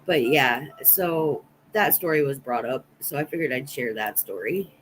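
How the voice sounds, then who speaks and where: A woman from Nebraska hosts a livestream, chatting casually with viewers and telling rambling personal anecdotes. Her voice is extremely low and her pace measured. The recording is rough, with a little hiss or hum.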